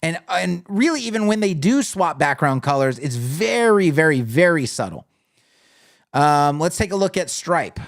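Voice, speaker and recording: A man's voice: a little high, sing-song, normal speed. A man hosting a live web design critique, talking bluntly and thinking aloud as he scrolls through sites. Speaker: web design show host. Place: home studio with lights on.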